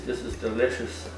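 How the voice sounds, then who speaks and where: A man co-hosting a cooking show, chatting in a playful put-on Irish brogue. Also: medium pitch. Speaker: co-host. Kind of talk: casual chat. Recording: echoey room with music.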